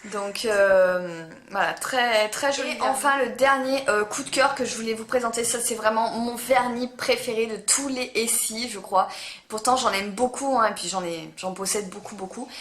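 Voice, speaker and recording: A woman's voice: on the high side, moderate pace, fairly bright tone, a little hiss or hum. A woman vlogging casually to camera about nail polish, chatty and hesitant, often stumbling over her words. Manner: chatty, hesitant, full of "euh" fillers. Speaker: beauty vlogger. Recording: echoey room.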